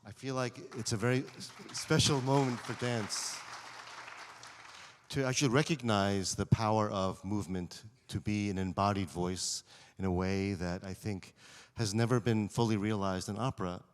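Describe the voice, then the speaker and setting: A man, a foundation program director, makes reflective remarks to open an onstage panel, often pausing with um and uh. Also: fairly low pitch, fairly even intonation, slight background noise. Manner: reflective, with frequent um and uh. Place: theater stage. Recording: reverberant hall.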